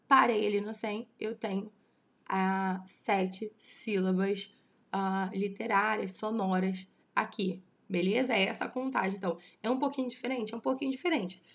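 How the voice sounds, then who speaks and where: A woman's voice: fairly high pitch, highs cut off. A Brazilian woman teaching a literature lesson online, explaining step by step, counting syllables aloud and checking in with students. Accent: Brazilian Portuguese. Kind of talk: online class lecture.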